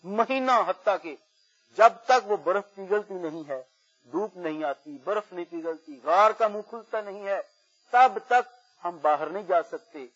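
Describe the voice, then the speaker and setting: Animated high-voiced preacher. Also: male voice, slightly rough. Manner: animated, swings from quiet to loud. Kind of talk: storytelling sermon. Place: religious gathering. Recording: muffled lo-fi recording.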